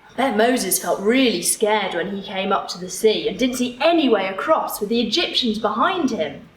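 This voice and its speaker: A woman's voice: medium pitch, lively intonation, normal speed, slight background noise. A woman presenting a children's holiday club, upbeat and enthusiastic. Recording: roomy, from a distance, music behind.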